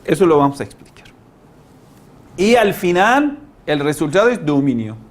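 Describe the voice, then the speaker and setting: Male religious teacher, slightly higher voice, explanatory lecture in non-native Spanish, grammar slips, rhetorical questions, joking asides. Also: big pitch swings, moderate pace. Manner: humorous asides. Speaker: religious teacher giving a language-learning lecture.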